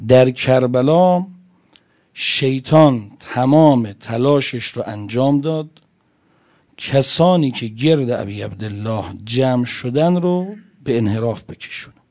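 Male preacher, sermon, dark mellow voice, loud then hushed, addresses the listeners. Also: mid-range voice, expressive. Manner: addresses listeners directly, swings between loud emphasis and quiet lines. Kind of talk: religious sermon with storytelling.

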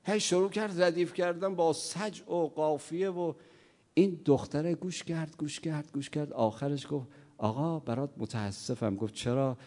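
Impassioned preacher man in a reverberant hall. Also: on the high side. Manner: swings from quiet storytelling to loud impassioned preaching; acts out dialogue in stories. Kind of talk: sermon with storytelling.

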